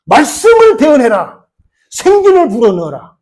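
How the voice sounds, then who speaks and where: A male pastor voicing God as a booming male figure who gives loud, forceful commands. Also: wildly swooping pitch, normal speed, heavily acted. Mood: commanding.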